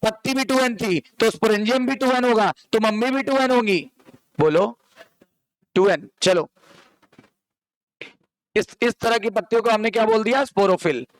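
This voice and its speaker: A young adult man gives a biology class in a high, clear voice. He keeps quizzing the students and answering his own questions, and he repeats key terms often. The sound is close and dry. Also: normal speed, dry recording, rough recording. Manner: explains with everyday comparisons and repetition. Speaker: biology teacher. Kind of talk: classroom lecture.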